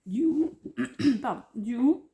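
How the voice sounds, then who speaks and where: A French woman rambles happily through a haul in front of a camera on a tripod, gushing over every cute item. Her voice is mellow and soft-edged, full of fillers and restarts. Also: on the high side, expressive, takes it slowly. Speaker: craft vlogger showing a haul. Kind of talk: casual haul commentary.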